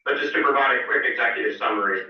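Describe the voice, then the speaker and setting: A man's voice: medium pitch, rapid-fire. Man, business presenter, heard via a phone held to a mic in a meeting room, roomy and distant, uh-filled delivery. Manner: steady, with frequent "uh" fillers. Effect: voice from a cell phone held up to a microphone. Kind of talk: formal presentation over the phone. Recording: muffled phone sound through a very echoey hall, from far off.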